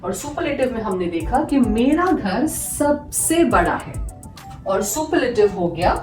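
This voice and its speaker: Slow, patient woman teaching grammar. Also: a little high, big pitch swings, darkish tone. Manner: patient, asks and answers own questions, repeats examples. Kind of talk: classroom-style grammar lesson. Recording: echoey room, mic at a distance, faint music.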